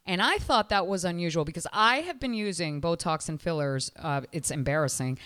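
Effusive low-voiced woman podcast host. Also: animated, a bit bright. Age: 40s. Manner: effusive, chatty, quick asides. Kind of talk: casual interview. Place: Miami.

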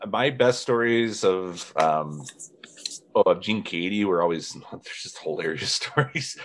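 Low-voiced man telling stories. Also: unhurried, slight background noise. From northern Indiana. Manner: storytelling, quoting others with laughs. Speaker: podcast host. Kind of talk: casual chat.

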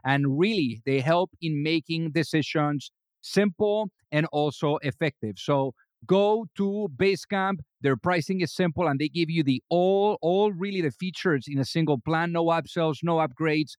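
A man's voice: on the high side, normal speed, no room sound, clean studio sound. A man hosting an interview podcast, reading an ad and welcoming his guest with upbeat enthusiasm. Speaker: podcast host.

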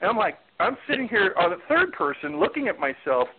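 Candid man, slightly high, tinny sound. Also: very animated, fairly quick, breathy edge. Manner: candid, self-deprecating storyteller who laughs easily. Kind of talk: casual podcast chat. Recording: tinny phone-like audio.

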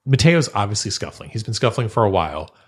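A man's voice: fairly low pitch, very animated, fast, breathy edge. A man co-hosting a casual sports podcast, talking in a loose, rambling way with plenty of ums. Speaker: podcast co-host.

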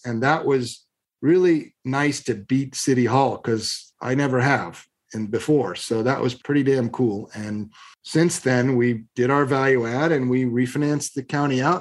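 A middle-aged man in an interview, telling blunt, animated stories and acting out both sides of an argument. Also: medium pitch. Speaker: guest, real estate investor. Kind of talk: conversational interview storytelling.

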